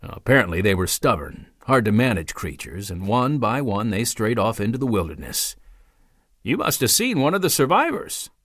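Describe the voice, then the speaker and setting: A man doing a calm army captain father. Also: on the low side, normal speed, no echo, studio quality. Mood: amused. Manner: calm, explaining, amused. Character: good-humored army captain father, middle-aged.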